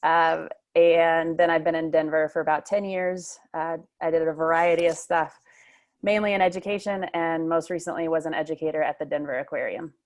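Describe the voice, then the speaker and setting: A woman's voice: low-pitched, steady tone, a little fast. A woman from St. Louis introducing herself to her class on a video call, plain and matter-of-fact. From St. Louis, Missouri. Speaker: student.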